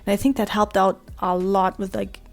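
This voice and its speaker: Hoarse, raspy woman with a cold, gravelly, chatting quietly over a drawing, faint music behind. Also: mid-range voice, moderate pace. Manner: quiet, monotone, drifting into soft murmurs. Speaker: art vlogger. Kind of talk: casual talk while drawing.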